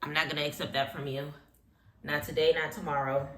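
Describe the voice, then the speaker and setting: A woman's voice: deep voice, little pitch movement, a little fast, a bit bright. Sassy woman chatting in an echoey room. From Haitian heritage. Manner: sassy, opinionated, slangy asides. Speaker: reality TV recap host. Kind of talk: casual get-ready-with-me recap chat.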